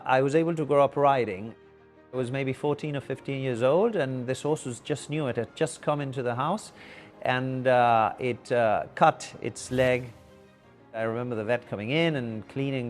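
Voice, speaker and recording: A middle-aged man from Argentina, an equine veterinarian, explaining his work in a measured interview with some fillers. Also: mid-range voice. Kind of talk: documentary interview.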